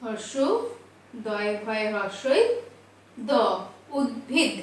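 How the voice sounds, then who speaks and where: A woman teaching young children in an online lesson, spelling out letters and syllables slowly and asking and answering her own questions. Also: a little high, a little hiss or hum. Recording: very echoey room, voice from far off.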